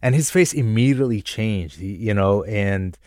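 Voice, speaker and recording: Man from Jordan, low voice, reflective storyteller on a radio chat, dry studio sound. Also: expressive, normal speed, darkish tone, no room sound. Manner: thoughtful, self-reflective, laughs easily. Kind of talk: conversational radio chat, telling personal stories.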